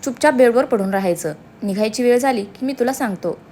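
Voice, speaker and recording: A woman's voice: on the high side, brisk, warm tone, a little hiss or hum, lightly acted. A woman voicing a young husband who is bossy, teasing and protective, read for a storybook.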